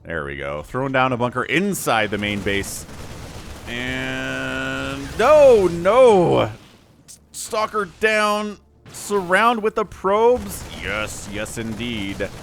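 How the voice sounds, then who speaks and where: With a medium-pitched, slow voice, a male shoutcaster talks through a strategy game replay, joking, laughing and humming as he chats between plays. His manner is animated and casual. A little hiss or hum sits on the recording.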